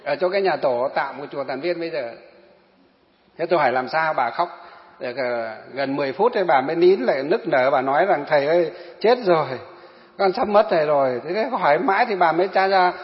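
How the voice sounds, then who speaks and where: A Buddhist monk, telling a story in a sermon and often asking his listeners rhetorical questions. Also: on the high side. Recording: dull echoey hall sound.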